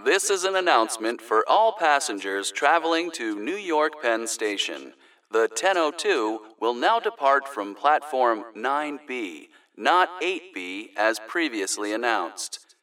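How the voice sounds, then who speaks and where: A bright, forceful man acting as a male station announcer delivers a formal public announcement. His pitch moves in a lively way, and he sounds slightly away from the microphone. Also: recorded from a distance. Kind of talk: scripted railway public announcement, like an airport announcement.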